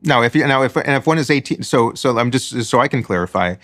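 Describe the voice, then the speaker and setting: A man, a guest in an interview, asking careful, halting questions to clarify what was said. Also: mid-range voice, lively intonation, a bit bright, no room sound, studio quality. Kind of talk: interview conversation.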